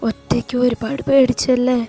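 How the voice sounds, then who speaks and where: Storybook reading: guilty young woman, tearful and pleading, voiced by a woman with a very high voice. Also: little pitch movement, normal speed, warm tone, soft background music, close to an everyday voice. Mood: tender. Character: guilt-ridden young woman, older sister figure.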